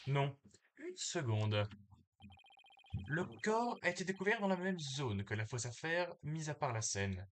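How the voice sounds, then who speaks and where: A man reading aloud as a smooth, teasing young male prosecutor from a video game. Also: fairly high pitch, big pitch swings, measured pace, a bit bright, slight background noise. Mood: smug.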